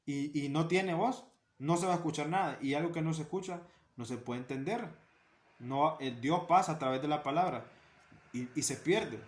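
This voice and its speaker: A man's voice: fairly high pitch, reverberant. A man giving an earnest talk on liturgy, repeating key phrases for emphasis. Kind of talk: spoken catechesis talk.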